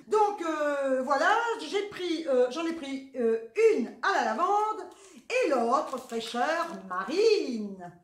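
Slow and sing-song, the high-pitched voice belongs to a woman with a southern French accent walking viewers through her grocery haul. Her casual chat is cheeky and outspoken, full of swearing, and it's captured in an echoey room.

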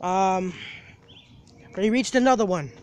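A seventeen-year-old guy records a casual daily vlog outdoors by a parking lot, holding his phone at arm's length. His high voice moves slowly, and he rambles, repeats himself and restarts sentences. There's slight background noise.

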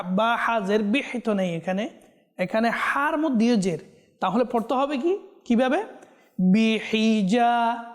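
A man teaching Quran pronunciation on a TV lesson, explaining quickly and then chanting verses slowly and drawn out. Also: high voice, long reverb tail.

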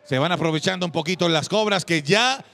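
High-pitched Colombian man, excited race-style commentator. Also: gravelly. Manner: animated, repetitive exclamations and drawn-out calls. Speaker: game show sports commentator.

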